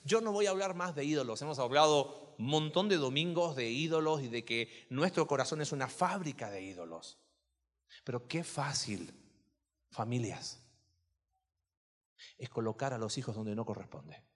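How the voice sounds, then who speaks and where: Preaching in a large hall of a church, this pastor's voice is a little high and fairly bright. He talks to the congregation in a chatty, conversational way, peppering them with questions.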